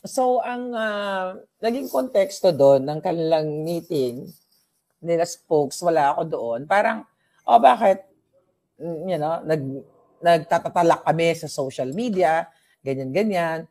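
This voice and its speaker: A vlogger from the Philippines chats through a casual livestream in a gossipy way, mixing English into the talk. The voice sits at a middle pitch, and the speaker often turns to address viewers directly. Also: expressive, unhurried, a little mellow. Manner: talks straight to viewers and their comments. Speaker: political vlogger.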